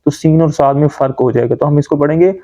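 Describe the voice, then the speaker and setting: A man teaching correct Quran recitation, explaining common pronunciation mistakes and then reciting words slowly to demonstrate. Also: a little high, fairly even intonation, mellow, lo-fi sound. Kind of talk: tajweed lesson.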